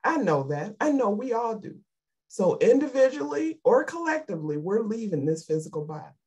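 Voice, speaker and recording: A woman's voice: mid-range voice, sing-song, moderate pace, a little mellow, husky. A woman giving an emotional, fervent sermon over a video call, repeating her exhortations. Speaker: lay preacher.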